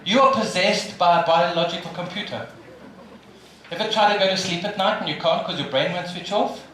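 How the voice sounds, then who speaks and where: An older man with a South African accent giving a live motivational talk, firing questions at the audience in an animated way. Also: high voice, a little fast, a little hiss or hum. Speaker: motivational speaker. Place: large hall with a live audience. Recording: echoey hall, from a distance, audience audible.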